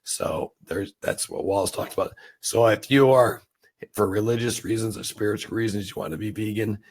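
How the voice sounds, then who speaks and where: Casting: middle-aged male host, gravelly and raspy, low-ish voice. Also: steady tone, normal speed. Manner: affirming, asks short follow-up questions. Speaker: host, retired doctor. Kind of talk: casual interview chat.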